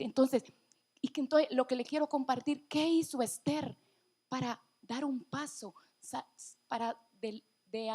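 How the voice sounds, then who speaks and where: A woman church elder preaching a sermon, emotional, swinging from loud fervent passages to near-whispers and calling the congregation brother. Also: fairly high pitch, breathy edge. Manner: addresses congregation as brother, many restarts.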